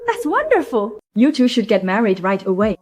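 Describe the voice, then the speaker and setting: A woman's voice: a little high, moderate pace, faint music behind, natural voice. A middle-aged woman playing an eager, wealthy mother-in-law in a dubbed drama who dotes and gushes. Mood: delighted. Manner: gushing, doting.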